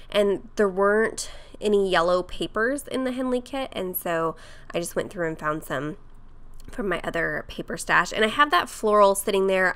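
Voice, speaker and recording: A woman whose voice is hoarse from a cold talks through her craft project in a relaxed, chatty voice-over. Her pitch sits in a middle range, and she scatters fillers and small laughs as she explains each step. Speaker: craft vlogger. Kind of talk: casual voice-over tutorial.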